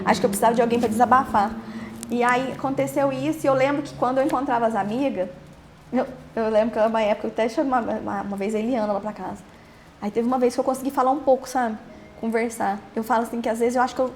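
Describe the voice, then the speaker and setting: A young Brazilian woman telling her own story in a halting way, repeating words and trailing off. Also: sits high, slight background noise. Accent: Brazilian Portuguese. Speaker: podcast host interviewed as guest. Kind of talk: emotional personal testimony.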